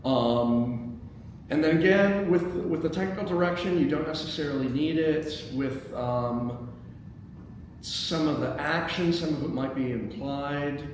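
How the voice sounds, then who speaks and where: A man with a slightly high voice and a slightly slow pace hosts a screenplay table read, reading the stage directions and action lines and giving feedback to the group. He sounds hesitant, repeating words as he thinks aloud. The recording is noisy, with a distant mic in a very echoey hall.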